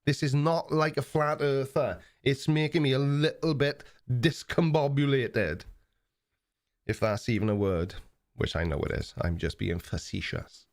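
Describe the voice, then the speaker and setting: Hosting a live stream, a man in his forties with an Australian accent chats casually and answers what viewers write in. He's relaxed and plain-spoken, says um often, and speaks unhurriedly at a medium pitch.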